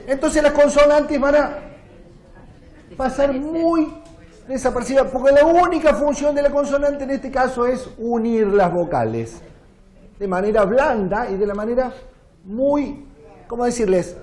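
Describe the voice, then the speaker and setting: A man's voice: very high voice, unhurried, darkish tone. A man with an Argentine accent giving a music lecture, demonstrating examples and often asking the audience questions. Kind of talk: lecture with sung and recited examples. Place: lecture hall.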